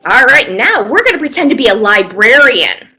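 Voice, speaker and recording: Faint music plays as a woman with a slightly high, sing-song voice leads children in a pantomime at a children's museum. Speaking at normal speed in a bright, forceful tone, she gives simple encouraging prompts step by step, sprinkled with playful sound effects.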